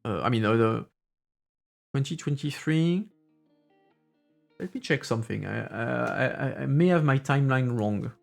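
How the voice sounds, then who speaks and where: A man's voice: mid-range voice, expressive, a little slow, gravelly, long pauses, soft background music. A man streaming a casual review of news, reading articles aloud and then breaking into loose, sarcastic asides while he thinks aloud. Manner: hesitant, many fillers and restarts while thinking aloud.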